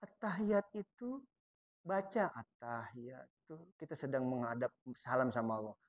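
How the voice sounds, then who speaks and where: A man teaching a dawn study session at a mosque, asking questions and answering them himself, and reciting prayer phrases slowly and softly. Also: medium pitch, very animated.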